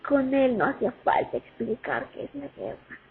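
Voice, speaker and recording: In an expressive, dramatic radio play monologue given as first-person testimony, a woman plays a war veteran reminiscing about her years at the front. Her voice sits high with vocal fry at a moderate pace, and the tinny, phone-like audio is noisy, with music underneath.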